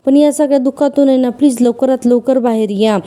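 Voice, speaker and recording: A woman's voice: sits high, fairly even intonation, fairly quick, mellow, natural voice. A woman voicing a worried middle-aged mother who coaxes her grieving son. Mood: coaxing. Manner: soothing, coaxing.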